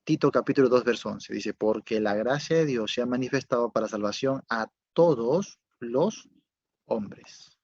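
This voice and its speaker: A man's voice: mid-range voice, moderate pace. A male pastor preaching a sermon, asking rhetorical questions and checking that listeners follow. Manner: rhetorical questions with tag checks, swings from loud to soft. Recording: dull lo-fi dry recording.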